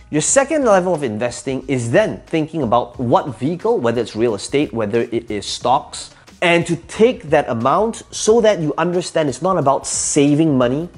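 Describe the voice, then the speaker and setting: A man of medium pitch with a darkish, husky voice gives motivational advice to camera as an entrepreneur; Cantonese is his first language. He speaks emphatically, with rhetorical questions and repeated key phrases.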